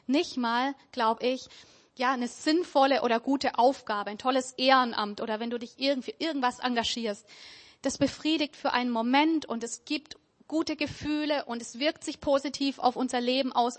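A woman giving a sermon in an earnest, conversational way, often pausing with fillers. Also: on the high side. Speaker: preacher.

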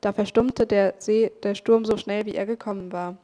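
A woman reading a Christmas story aloud in a calm, expressive way. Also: medium pitch, normal speed. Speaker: story reader. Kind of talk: storybook narration.

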